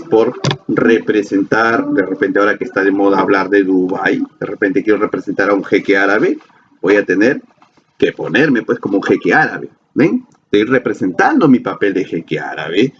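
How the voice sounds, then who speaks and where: Male teacher from Peru, playful, quizzes the class and answers himself; slightly muffled recording. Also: on the low side. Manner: playful, asks questions and answers them himself. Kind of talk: classroom lecture video. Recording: slightly dull lo-fi sound with faint ambience.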